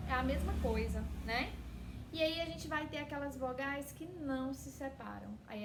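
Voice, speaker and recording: A Brazilian woman teaches a class in an easy, chatty way, with a slightly high voice. She keeps checking in with her students and slows down to stretch out the example words. The sound is roomy and echoey, with a faint hiss underneath. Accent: Brazilian Portuguese. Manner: chatty, constantly tags phrases with "né?"; stretches out words slowly when spelling them out. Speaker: Spanish teacher. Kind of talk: recorded online class. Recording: echoey room with faint noise.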